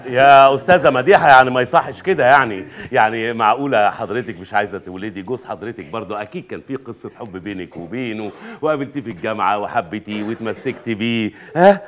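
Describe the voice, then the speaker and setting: A man's voice: medium pitch, fairly bright tone, a little hiss or hum, close to an everyday voice. An actor with an Egyptian accent playing a teasing, exasperated man, coaxing and mocking in a live stage comedy. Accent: Egyptian Arabic. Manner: teasing, coaxing, rapid-fire.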